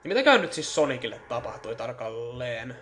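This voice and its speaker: A man's voice: mid-range voice, big pitch swings, a bit bright, a little hiss or hum. A young man giving casual commentary as he plays a horror game, joking, swearing and mocking the scares. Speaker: let's play gamer. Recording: faint music in the background.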